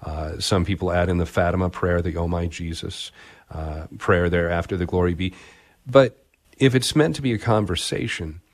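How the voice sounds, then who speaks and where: A man hosting a call-in religious talk radio show, with a smooth radio host delivery as he asks questions and takes callers. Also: sits low.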